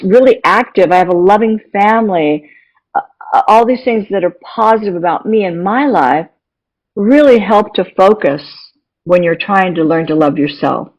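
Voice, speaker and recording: A woman's voice: mid-range voice, darkish tone, dull audio. A middle-aged woman speaking as an interview guest, earnest and encouraging, often restarting her sentences. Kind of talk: casual interview talk.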